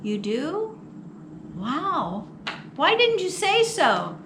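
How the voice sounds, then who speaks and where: A woman who hosts storytime at a public library gives an animated read-aloud of a children's picture book. Her voice is high-pitched and unhurried, and her theatrical, expressive delivery includes mock exasperation and drawn-out words. There is faint noise in the background.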